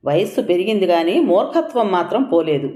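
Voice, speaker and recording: A woman's voice: lowish voice, sing-song, brisk, dark tone, roomy sound. A woman voicing an indignant young adult daughter who complains scornfully about her father.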